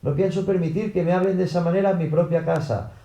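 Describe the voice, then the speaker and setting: A flustered, indignant homeowner shouts in a storybook reading, voiced by a man. His pitch jumps high and the room echoes around him. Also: quick pace, gravelly. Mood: indignant shouting. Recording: roomy echo.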